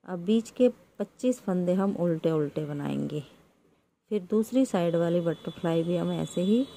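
A woman teaches knitting step by step, talking slowly and patiently and counting each stitch out loud. Her fairly low voice is warm and gravelly. A faint room hum sits behind her. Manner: addresses viewers as friend. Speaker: knitting tutorial host. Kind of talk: step-by-step craft instruction.

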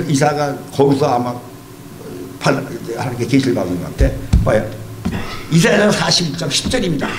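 A man's voice: on the high side, roomy sound, slight background noise. A male pastor preaching a sermon, repeating his key phrases with emphasis and firing questions at the congregation. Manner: fires rhetorical questions at the congregation.

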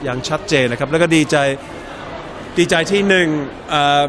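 A man answering interview questions casually, in a relaxed way with fillers. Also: on the high side, moderate pace, noisy background. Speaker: interviewed guest.

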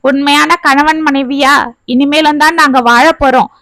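A woman's voice: high voice, steady tone, normal speed, fairly bright tone, no echo. A woman voicing a young married man who is earnestly admitting his faults to his wife in a family story. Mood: relieved. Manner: earnest, remorseful reflection. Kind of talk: storytelling narration.

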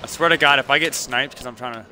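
A man's voice: medium pitch, quick pace. Young man gaming, noisy squad chat. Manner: clipped callouts in slangy gamer talk. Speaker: gamer playing in a squad. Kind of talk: casual squad voice chat during a shooter game. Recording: noisy game audio with gunfire. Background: video game gunfire and clicks.

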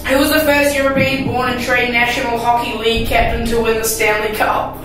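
A man's voice: very high voice, level tone, a little fast, heavy background noise. A young man bantering casually through a quiz challenge, blunt and sweary. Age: young adult. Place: small tiled bathroom indoors. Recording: echoey bathroom, distant mic, background music.

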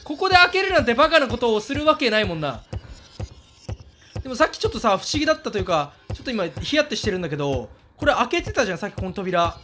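A man commentating a horror game, excitable, talking to himself, often shouting and laughing. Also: extremely high pitch, fast, soft background music.

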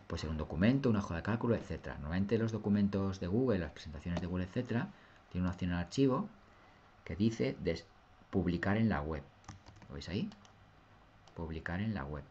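A man, a teacher walking through a software tutorial step by step and often checking that viewers follow. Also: low voice, muffled recording, a little hiss or hum. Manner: patient, step-by-step, often asks "¿lo veis?". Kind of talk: screen-recorded software tutorial.

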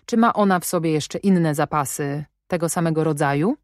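A brusque, commanding gentleman, as a woman reads him aloud for an audiobook, questioning sharply and with dry irony. The voice sits low and is heard close and dry, with no room sound. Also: moderate pace, no room sound, close to an everyday voice. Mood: imperious. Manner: imperious, probing, sardonic. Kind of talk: audiobook reading.

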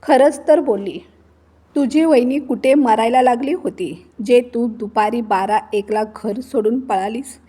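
A woman's voice: fairly high pitch, a little slow, dark tone, husky. Storybook role: stern older mother-in-law, scolding, voiced by a female reader.

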